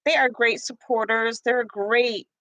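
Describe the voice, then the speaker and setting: A woman's voice: a little high, fairly even intonation, measured pace, fairly bright tone, dry recording, rough recording. A woman co-hosting a casual livestream, friendly and laughing often as she greets viewers by name. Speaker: livestream co-host.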